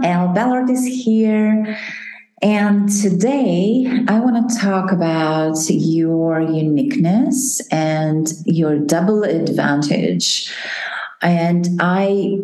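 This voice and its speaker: A woman's voice: low voice, dark tone, reverberant, poor audio. A woman in her forties from Kazakhstan with a Kazakh accent, hosting a podcast in an earnest, reflective way, often restarting her sentences. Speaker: podcast host. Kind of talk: solo podcast monologue.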